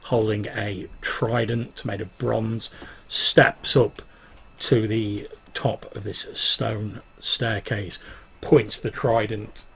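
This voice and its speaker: Male game master, low creaky voice, improvised tabletop narration, halting descriptions. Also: level tone, a bit bright.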